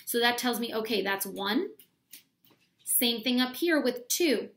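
A woman teaching elementary students reads to them aloud from a small room at home, explaining each step and posing questions as she goes. She speaks at a measured pace in a fairly high, bright, gravelly voice with lively intonation.

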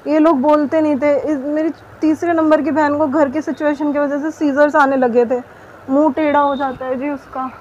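A woman's voice: high voice, fairly even intonation, moderate pace, darkish tone. A young woman giving an earnest, detailed account in a news interview. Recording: dull muffled audio with faint noise.

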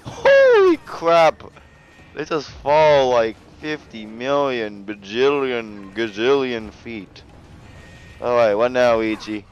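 A man giving casual gameplay commentary, excitable and jokey, with frequent exclamations and swearing. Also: medium pitch, takes it slowly, muffled recording, a little hiss or hum. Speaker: gamer narrating a let's play.

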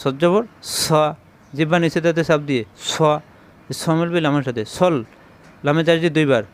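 A man teaching Quran reading, spelling Arabic letters out one syllable at a time with slow, patient drilling. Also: on the high side.

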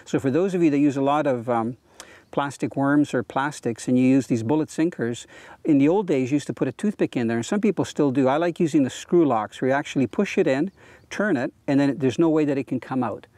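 A man's voice: mid-range voice, a little fast, mellow, no room sound. A middle-aged man hosting a fishing show, explaining gear and technique outdoors by a lake with easy enthusiasm and a lot of "you know". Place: outdoors on a boat and dock by a lake.

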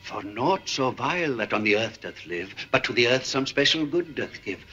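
An actor playing a calm, wise friar who speaks verse in a measured, reflective way in an old film. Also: male voice, mid-range voice, roomy sound, faint music behind. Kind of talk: 1950s film acting. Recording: dull old film soundtrack with faint hiss.

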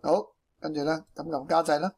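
A man's voice: on the high side, steady tone, fairly quick, vocal fry, husky. A man with a Hong Kong accent presenting an informal programming tutorial, mixing in English technical terms. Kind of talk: informal screencast tutorial explanation.

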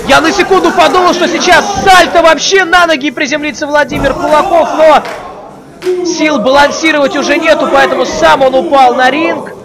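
A man commentates live wrestling in an extremely high, excited voice. He calls out the moves play-by-play and stretches key words for emphasis. A clearly audible crowd sits behind him throughout. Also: normal speed. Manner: shouts out move names, drawing out key words. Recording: crowd noise of a live event.

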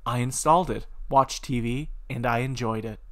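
A man's voice: mid-range voice, moderate pace. A man reading computer-written stories aloud at his desk, amused and laughing between lines. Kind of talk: casual reading with commentary.

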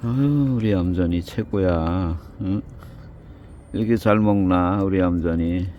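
A man's voice: low voice, measured pace, dull audio, a little hiss or hum. A man giving casual running commentary outdoors before dawn, chatting, scolding and cooing at animals in turn. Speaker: video host.

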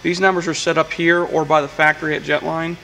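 Gravelly man explaining shop controls. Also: fairly high pitch, little pitch movement, quick pace, bright, forceful tone, a little hiss or hum, rough recording. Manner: plain, matter-of-fact explaining with frequent uh fillers. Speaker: welding equipment technician. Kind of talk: hands-on equipment demonstration. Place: workshop beside a welding machine.

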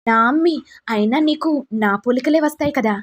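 A woman's voice: sits high, a little fast, lightly acted. A woman doing a coarse scheming mother. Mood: conspiring. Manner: coarse, conspiratorial.

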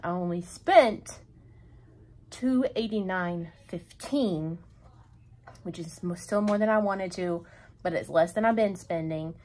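A woman's voice: on the low side, slow, pauses often, a little mellow. Chatty woman tallying grocery savings. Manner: chatty, tallies prices and savings aloud. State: out of breath. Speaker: vlogger. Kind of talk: casual shopping haul vlog.

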